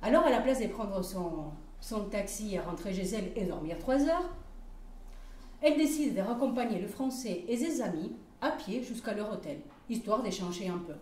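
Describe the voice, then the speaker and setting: A woman telling a personal story aloud at a live event, lively and often pausing with hesitations. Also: mid-range voice. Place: community hall. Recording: roomy hall, distant mic, faint noise.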